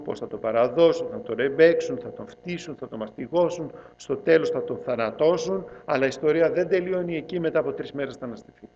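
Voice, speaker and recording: A man preaching a sermon, reading scripture in a measured, deliberate way, then explaining it with rising emphasis. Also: mid-range voice, a little mellow. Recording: dull, lo-fi church recording with faint hum.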